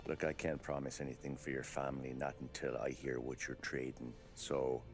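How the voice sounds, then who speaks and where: An actor playing a tough-talking 1930s police detective who needles a witness in street slang. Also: male voice, very deep voice, level tone, moderate pace, soft background music. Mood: wry, needling. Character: gruff 1930s male police detective interrogating. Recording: game audio with loud score.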